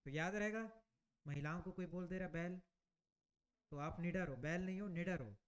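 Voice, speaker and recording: A male teacher leads an exam-prep class, building memory tricks and frequently asking the students check questions. His voice sits high and clean, at a moderate pace.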